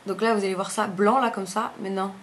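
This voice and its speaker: A woman's voice: medium pitch, fairly even intonation, fairly quick. Chatty woman. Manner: chatty, rambling, often corrects herself mid-sentence. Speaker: beauty vlogger. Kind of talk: casual makeup review chat.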